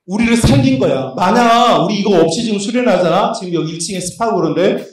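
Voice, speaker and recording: A high-voiced man preaches with bounce and humor, firing questions at the crowd and pacing the stage. His voice rings through a large, very echoey church hall, picked up from a distance as he roams. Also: quick pace. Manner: animated, joking, quizzing the congregation; moves around while preaching. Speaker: pastor. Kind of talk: lively sermon at a youth retreat.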